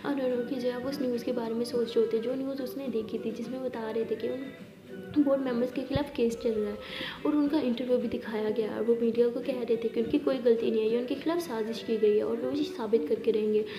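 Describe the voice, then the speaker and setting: High-voiced woman narrating in a roomy echo. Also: fairly even intonation, fast talker. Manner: chatty, conversational. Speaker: storyteller. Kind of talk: casual storytelling narration.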